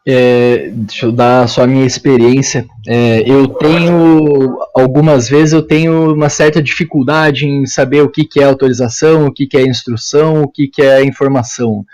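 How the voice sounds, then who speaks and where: A man's voice: medium pitch, steady tone, normal speed, hardly any pauses, a little mellow, highs cut off. A man, a student speaking up in class, thinking aloud with some hesitation. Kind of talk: class discussion.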